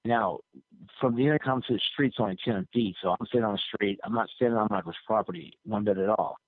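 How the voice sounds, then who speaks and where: A man's voice: fairly low pitch, fast, no echo. A man calling in to a show and telling a long, rambling, profane story, repeating himself as he goes. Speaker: caller. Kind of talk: casual call-in storytelling. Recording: tinny phone line, dry.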